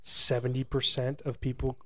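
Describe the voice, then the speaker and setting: A man's voice: medium pitch, monotone, moderate pace, a bit bright. A man co-hosting a casual chat, asking short questions and teasing his friend.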